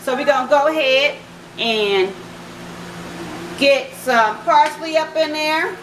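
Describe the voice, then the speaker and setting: A woman's voice: high-pitched, slow pace, fairly bright tone. A woman hosting a casual cooking vlog from her home kitchen, chatting to her viewers as "y'all" and "baby.". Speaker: cooking channel host. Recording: echoey kitchen with background noise.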